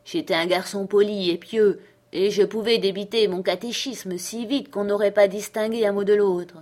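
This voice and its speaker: A woman voicing Ben Gunn, a hoarse, half-mad old male castaway who talks eagerly and wheedles. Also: mid-range voice, fairly even intonation, moderate pace, darkish tone, natural voice. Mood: wheedling. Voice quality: hoarse, creaky.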